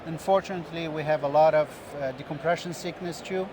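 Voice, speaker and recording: This is a diving medicine doctor, a middle-aged guest from Brazil, giving interview answers amid the din of a crowded expo floor. Portuguese is his native tongue, and his Brazilian Portuguese accent comes through. He keeps a steady tone at a slightly raised pitch, explaining carefully and occasionally restarting a phrase.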